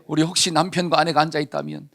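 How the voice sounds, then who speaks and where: A man's voice: on the high side, big pitch swings, fast, a bit bright. A male pastor preaching a sermon, telling a story and asking the congregation questions that he answers himself.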